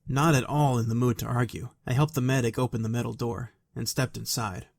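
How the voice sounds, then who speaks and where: A man narrating a fan story aloud in a quiet, even, soft-spoken way. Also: mid-range voice, fairly quick, gravelly, no room sound, studio quality.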